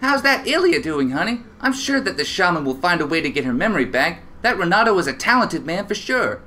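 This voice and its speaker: A man putting on a sassy, motherly barkeep woman with a raised, lively voice. She drawls and calls everyone honey. Her voice swings up and down as she talks. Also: high voice, a little fast, a little hiss or hum, exaggerated voice. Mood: warm teasing.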